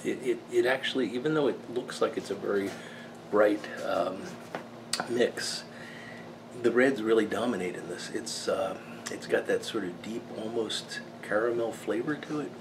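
An American man in his fifties giving a casual, rambling video review in a halting, unhurried way, recorded in a small workshop. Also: fairly low pitch. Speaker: pipe tobacco reviewer. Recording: clearly noisy room background.

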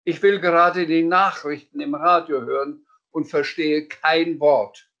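A man's voice: a little high, steady tone, a little slow, a bit bright, highs cut off. A man voicing a fussy, cross landlady who scolds indignantly, in a raised voice. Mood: scolding.

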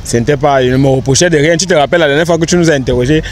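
In a casual outdoor interview, a young adult content creator fields questions from a park bench. His rapid-fire, high-leaning voice carries an earnest, rambling quality with frequent restarts, over faint street noise.

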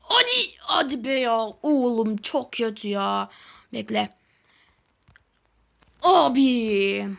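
A woman giving excitable, easily frustrated let's-play commentary as a gaming channel host, talking to herself while she plays. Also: a little high, slow, vocal fry, long pauses.

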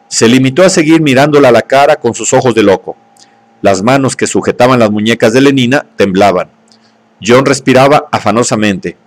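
A man reading a novel aloud in scripted narration, at a steady, measured pace. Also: medium pitch. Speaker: audiobook reader.

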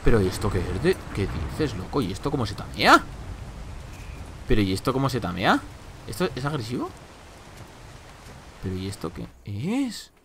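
A young man talks through his gameplay in an animated, bright voice that swings widely in pitch. He is chatty and exasperated, swearing and exclaiming at his bad luck. A faint hiss of noise sits under the desk-mic recording. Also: moderate pace, pauses often. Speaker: gameplay commentator. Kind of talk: casual game commentary.

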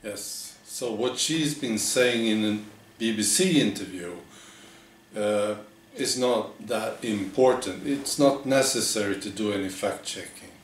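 A man in his forties delivers satirical news with a deadpan, mock-earnest manner. His voice is fairly low and he speaks very slowly, with halting pauses. The sound is echoey, picked up by a camera across a living room. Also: a little hiss or hum. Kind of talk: deadpan parody news monologue. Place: living room with bare walls, indoors. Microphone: camera a few metres away. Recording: echoey room, distant microphone.

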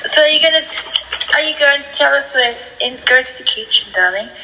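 A woman's voice: sits high, a little fast, gravelly, sharp tone, a little hiss or hum, rough recording. A woman talking to a ghost, casually putting questions to unseen spirits as a paranormal investigator on a handheld recording. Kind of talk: casual ghost-hunt talk. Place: inside and outside an empty house.

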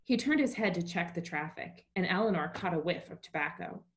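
A woman's voice: fairly low pitch, expressive, fairly quick. A woman novelist reading from her book, then talking casually about writing with many fillers, over a video call. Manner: plain, with many fillers in talk.

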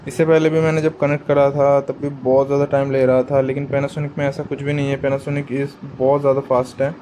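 Man, product reviewer, casual demo talk, flat steady delivery, chatty, faint background hiss. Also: medium pitch, brisk, low-quality recording. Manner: chatty and explanatory, often addresses the viewers as guys.

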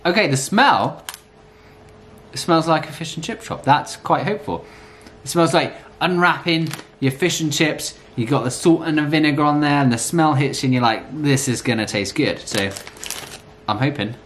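A man in his thirties giving a casual, halting taste-test review to camera in a room indoors. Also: on the high side, fairly bright tone. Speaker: snack reviewer. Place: small plain room indoors. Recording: clear background noise with clicks.

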